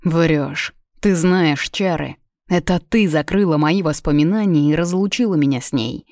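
A woman's voice: deep voice, moderate pace, darkish tone, no echo. Woman voicing a stern commanding king. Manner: curt, commanding.

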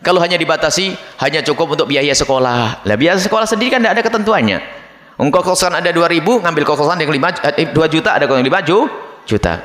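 A man giving a religious lecture to a congregation, animated, acting out the voices of people he describes. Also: fairly high pitch. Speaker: Islamic preacher. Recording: echoey hall with long reverb.

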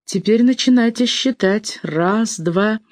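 A reader voicing a brisk, cold male surgeon in an audiobook. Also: high voice, a little mellow, no echo, studio quality. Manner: brisk and businesslike. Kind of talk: audiobook dialogue.

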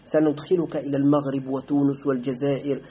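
A man putting on a hushed coaxing tempter. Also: medium pitch, level tone, quick pace, breathy edge, pitched below the performer's own voice, lightly acted. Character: smooth-talking man luring a student with promises. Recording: slightly dull lo-fi recording.

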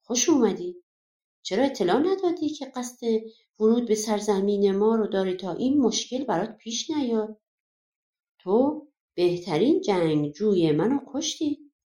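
Stern old fairy-tale king, commanding and gruff, voiced by a woman narrator; roomy sound. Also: medium pitch, animated, dark tone, lightly acted. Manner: harsh, commanding. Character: stern old male king of a magic land.

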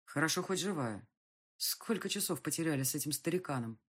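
A woman's voice: low-pitched, lively intonation, a little fast, husky. A woman voicing a blunt, impatient male detective who speaks curtly and dismissively. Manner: curt and dismissive.

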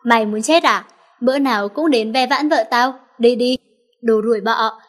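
A woman voicing a young man, a wounded, protective and jealous lover who speaks cold to enemies and gently to his girl. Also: on the high side, moderate pace, natural voice. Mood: teasing. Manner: cold, then tender and teasing.

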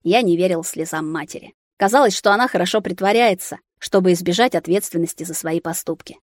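A woman's voice: fairly low pitch, brisk, no room sound. Woman narrating an audiobook, dry sound.

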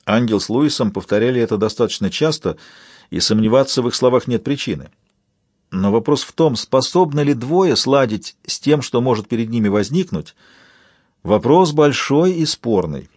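A man narrating an audiobook in a steady, wry storytelling manner. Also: mid-range voice, moderate pace, husky, no echo, clean studio sound.

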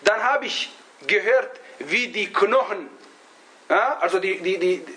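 High-voiced man teaching, halting delivery. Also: expressive, bright, forceful tone, a little hiss or hum, low-quality recording. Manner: halting, searches for words, often adds a questioning "ja?". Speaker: religious teacher. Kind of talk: religious lesson, storytelling to a class.

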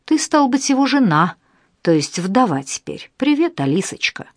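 A woman's voice: fairly high pitch, very animated, moderate pace, no echo, clean studio sound, pitched above the performer's own voice. A woman reading the part of a cold, unpleasant male blackmailer who hisses rude threats down the phone in an audiobook. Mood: threatening.

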